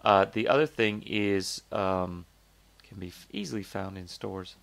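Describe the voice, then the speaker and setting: A man's voice: low-pitched, a little slow, creaky, fairly bright tone, no room sound. A man hosting a casual product review, thinking aloud with lots of fillers and restarts and a skeptical, conversational manner. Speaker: host reviewing crowdfunding products.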